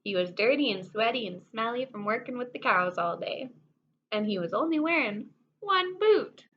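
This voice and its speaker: In a fairly high voice and at normal speed, a woman brings a children's story to life, turning now and then to her young listeners with animated, playful remarks. The audio is dull, with faint background noise.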